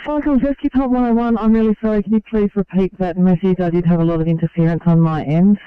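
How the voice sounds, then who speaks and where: A man working as an emergency communications dispatcher, relaying calls in polite, crisp radio procedure. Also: high voice, fairly even intonation, fast, no echo. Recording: tinny scanner radio line.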